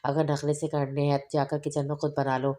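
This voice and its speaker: A woman's voice: sits low, flat delivery, fairly quick, dark tone, close to an everyday voice. A woman voicing a short-tempered young woman who speaks curtly, in a storybook reading. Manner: curt, cold.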